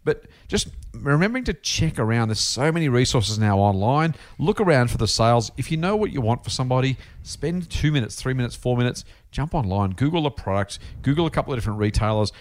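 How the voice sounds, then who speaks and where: Male Australian podcast host, blokey and chatty, rapid pace with very varied intonation. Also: medium pitch, expressive. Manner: jokey, blokey, addresses co-host as mate. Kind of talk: chatty, informal personal finance podcast talk.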